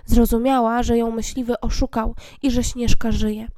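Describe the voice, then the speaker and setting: A woman reading a fairy tale aloud in a gentle, even storybook manner, with a few small slips. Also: fairly high pitch, moderate pace, no echo, clean studio sound.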